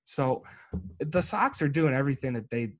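A man of twenty, co-hosting a casual sports podcast, teasing and animated, stammering as he tries to cut in. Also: medium pitch, normal speed. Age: 20s. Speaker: podcast co-host.

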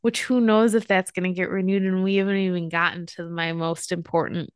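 A woman's voice: on the low side, little pitch movement, a little fast, smooth, no room sound, clean studio sound. A woman co-hosting a podcast, chatting casually and gushing about a book's film adaptation with lots of fillers. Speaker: podcast co-host. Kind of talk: casual book and film chat.

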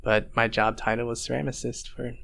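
Gravelly-voiced man, relaxed and hesitant. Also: medium pitch, brisk. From Fort Worth, Texas. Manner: relaxed, hesitant with many ums. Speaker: ceramic artist guest. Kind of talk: casual interview answers.

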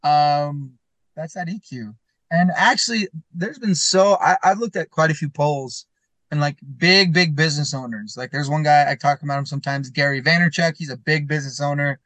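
A man's voice: fairly high pitch, moderate pace, a bit bright, no echo. Man with a tinny laptop-mic voice. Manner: rambling, restarts sentences often. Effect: tinny sound from a laptop's built-in mic. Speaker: podcast host, school counselor. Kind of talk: casual chat. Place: inside his van while traveling. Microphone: laptop built-in mic.

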